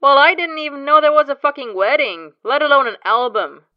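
A woman voicing a blunt young man, loud and incredulous, in a fan story read aloud. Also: fairly low pitch, animated, moderate pace, dry recording, dull audio.

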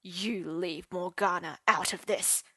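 A woman voicing a cold, controlling older male headmaster who speaks slowly with soft menace. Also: medium pitch, animated, dry recording, studio quality. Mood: furious. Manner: slow, softly menacing. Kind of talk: audiobook character voice.

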